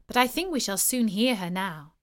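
A woman voicing an eager little girl who works as a kitchen maid, calling out brightly in a storybook reading. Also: mid-range voice, expressive, normal speed, lightly acted. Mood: earnest.

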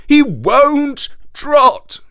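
A man voicing an indignant, hardworking male horse in a storybook reading, complaining in a raised, drawn-out voice. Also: very high voice, wildly swooping pitch, fairly bright tone, voice pushed up, heavily acted.

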